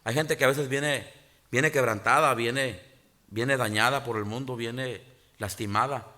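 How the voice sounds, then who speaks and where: A pastor, preaching a sermon in church, often pausing to restart and calling out "hermanos". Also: male voice, medium pitch, sharp tone. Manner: halting restarts and filler sounds. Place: church sanctuary.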